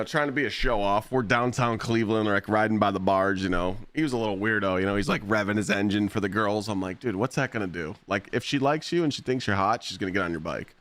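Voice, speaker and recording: A man streaming live, telling blunt, profane stories in a casual, animated way. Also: lowish voice, quick pace. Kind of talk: casual storytelling while gaming.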